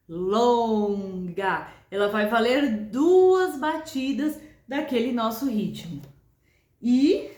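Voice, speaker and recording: Slow, patient Brazilian music teacher. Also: female voice, a little high, echoey room. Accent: Brazilian Portuguese. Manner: explains patiently, chants rhythm words slowly. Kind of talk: video lesson.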